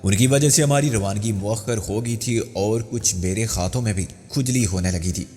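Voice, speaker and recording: A man narrating a crime thriller novel as an audiobook, with steady storytelling. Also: fairly low pitch. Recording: long hall reverb with faint music.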